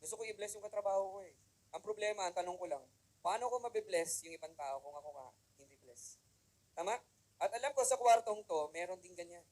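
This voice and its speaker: Fast-talking animated male motivational speaker. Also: high-pitched, low-quality recording. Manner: animated, keeps asking the audience "di ba?". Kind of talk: inspirational seminar talk mixing Tagalog and English. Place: room with a live audience.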